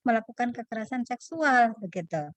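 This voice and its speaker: A woman speaking as a webinar panelist, explaining earnestly and pausing often with hesitation fillers over a video call. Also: on the high side, lively intonation.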